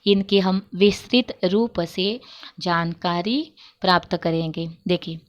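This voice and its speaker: A woman teacher giving a grammar lesson to school students, explaining slowly and repeating examples. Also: on the low side, muffled recording.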